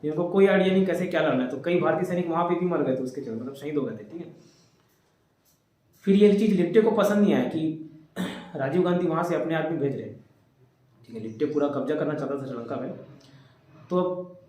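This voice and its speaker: A young man lectures a class in a relaxed, storytelling way, trading jokes with the students. His voice sits a bit high for a man, and the room around him is echoey and hollow. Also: fast, pauses often. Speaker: teacher.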